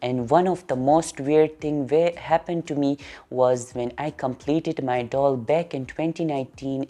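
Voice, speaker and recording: A woman's voice: a bass voice, mellow. A young woman with a Pakistani accent, a doll artist answering viewer questions in a casual vlog, earnest and plain-spoken. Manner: earnest, simple phrasing with repeated intensifiers.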